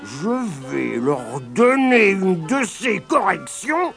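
A man's voice: high voice, very animated, slow, gravelly, music in the background, full character voice. A man voicing an angry farmer from a children's storybook, grumbling in a sing-song way. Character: angry farmer with a big stick.

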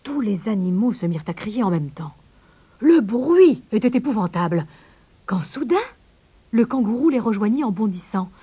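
A woman reading a children's story aloud in an expressive way. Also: mid-range voice, moderate pace, slightly rough. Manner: expressive, shifting voices.

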